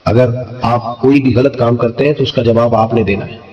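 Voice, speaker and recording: A man preaching a sermon, impassioned and emphatic, climbing to high fervent peaks. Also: fairly even intonation, normal speed, darkish tone, muffled recording. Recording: echoey hall with long reverb.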